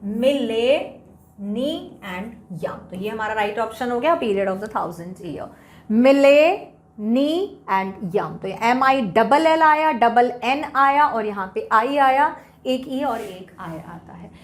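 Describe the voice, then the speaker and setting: Slow-paced Indian woman spelling words aloud. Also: fairly high pitch. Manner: spells words out letter by letter, mixing Hindi and English. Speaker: teacher. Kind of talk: online exam-prep spelling lesson. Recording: echoey room with faint background hiss.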